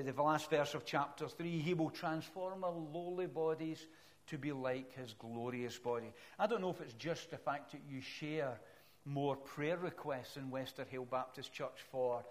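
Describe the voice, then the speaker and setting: A middle-aged Glaswegian man delivering a sermon, his voice sitting a little high for a man. He reads scripture, then drifts into chatty, self-deprecating asides. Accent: Glaswegian Scottish. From Scotland. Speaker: preacher.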